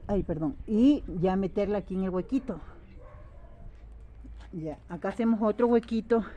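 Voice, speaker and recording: A woman's voice: medium pitch, mellow. Ecuadorian woman planting in a noisy garden. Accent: Ecuadorian highland Spanish. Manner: chatty, step-by-step, repetitive, addresses viewers as friends. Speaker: home gardening vlogger. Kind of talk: casual how-to vlog. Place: outdoor vegetable garden. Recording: outdoor noise, animals and traffic.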